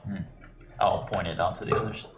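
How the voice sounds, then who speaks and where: Man, tabletop player, hesitant, low pitch, faint background hiss. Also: steady tone, fairly quick, gravelly, fairly bright tone. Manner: hesitant, thinking aloud. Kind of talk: casual tabletop play.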